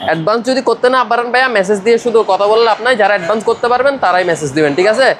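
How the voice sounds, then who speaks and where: A man from Bangladesh, a shopkeeper making a sales pitch in a roadside shop, with repetitive selling patter. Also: expressive, racing, a bit bright. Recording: faint traffic noise. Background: traffic noise.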